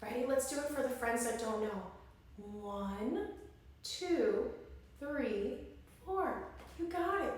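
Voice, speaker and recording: A slightly high, animated female teacher guides young children through circle time, offering encouragement and instruction and prompting responses with questions and pauses. It's recorded at a distance in an indoor room that echoes strongly.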